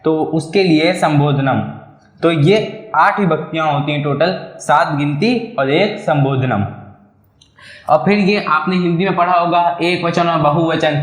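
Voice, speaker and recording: A man's voice: a little high, echoey room. A man teaching a school lesson, patiently explaining, asking questions and answering them himself, with a Lucknow Hindi accent.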